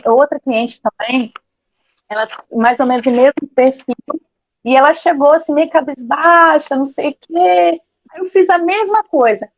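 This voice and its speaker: A woman's voice: sits high, darkish tone, dry recording, low-quality recording. A Brazilian woman, a pharmaceutical aesthetician, telling stories animatedly in a live stream talk and acting out her clients' voices. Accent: Brazilian Portuguese.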